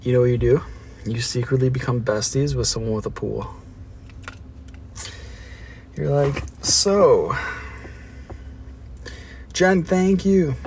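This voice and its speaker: A man's voice: mid-range voice, slow pace, vocal fry, long pauses, a little mellow. Chatty Canadian man outdoors near traffic. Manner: playful, chatty. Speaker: livestream host. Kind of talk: casual chat with viewers. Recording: distant mic with street noise.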